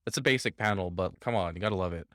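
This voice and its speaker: A man with a fairly low voice chats casually as a podcast co-host. He sounds relaxed and talkative, with loose fillers. His voice is close and dry, with no room sound. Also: racing, no echo. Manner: relaxed, chatty, with fillers and quoting lines. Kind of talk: casual chat about comics.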